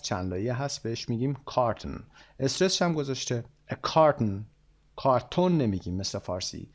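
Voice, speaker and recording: A man who speaks Persian natively, with a Persian accent, teaches from an English textbook at a middle pitch. He reads the English words slowly and with care, then gives the Persian explanations in fast bursts. He sounds like a teacher going through a lesson step by step. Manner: slow, drawn-out English phrases.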